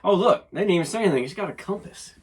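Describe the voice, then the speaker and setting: Rapid-fire and expressive in a high voice, a DIY channel host and product reviewer runs a casual, folksy hands-on demonstration, frequently talking half to himself as he works.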